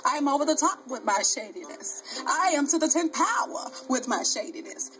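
A woman's voice: sits high, very animated, moderate pace, a bit bright. A woman speaking in a reality show confessional, with a flamboyant, theatrical manner, sometimes calling herself she. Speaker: reality TV cast member. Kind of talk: confessional TV interview. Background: music.

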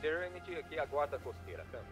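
An actor dubbing a calm male coast guard radio operator, heard through a marine radio with clipped, formal radio procedure talk. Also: fairly high pitch, racing, soft background music. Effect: heard over a marine radio. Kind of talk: dubbed film dialogue.

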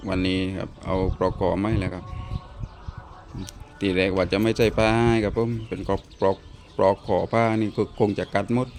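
A man's voice: deep voice, fairly even intonation, moderate pace, a little mellow. A man vlogging at home, talking politely to his viewers and sharply scolding his disobedient dog. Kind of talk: casual vlog chat.

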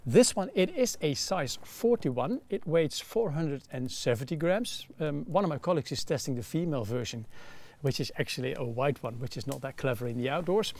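Man, Dutch accent, slightly high voice, casual gear review, lots of "um"s, outdoors at a campfire. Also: expressive, normal speed, a little mellow. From Netherlands. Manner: explains in detail with frequent fillers.

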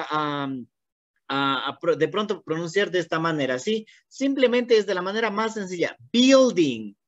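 An English teacher with an Ecuadorian Spanish accent who patiently corrects students and reads English lines slowly, word by word. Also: medium pitch, no echo. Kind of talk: online class instruction. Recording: dull, dry, lo-fi.

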